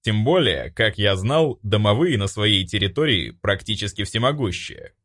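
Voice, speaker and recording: A man narrating a first-person audiobook, expressive and acting out his own lines. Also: fairly low pitch, moderate pace.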